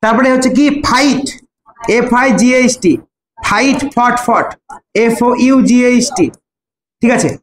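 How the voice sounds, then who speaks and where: A woman's voice: on the high side, measured pace, long pauses, a little hiss or hum. A woman teaching an English grammar class in Bengali, spelling out verb forms letter by letter and checking with her students. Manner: spells words letter by letter, asks students questions. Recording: echoey room with faint ambience.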